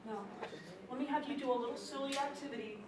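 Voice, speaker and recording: A woman's fairly high voice gives a classroom speech lesson, emphatic and lively, often driving a point home by repeating it. She is heard from a distance in an echoey room, with steady noise underneath. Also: fast talker. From not from the Chicago area. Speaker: teacher.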